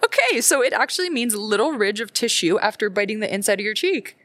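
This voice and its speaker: A young Canadian woman co-hosts a podcast with energy, encouraging and giggling. Her pitch jumps around a lot. Her voice has a slightly husky edge. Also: expressive, quick pace, fairly bright tone, dry recording. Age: young adult. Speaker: podcast co-host, medical student. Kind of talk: casual podcast chat.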